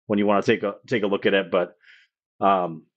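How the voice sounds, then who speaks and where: A man running a live-streamed tabletop game as game master, rambling and halting with many fillers. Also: sits low, little pitch movement, highs cut off.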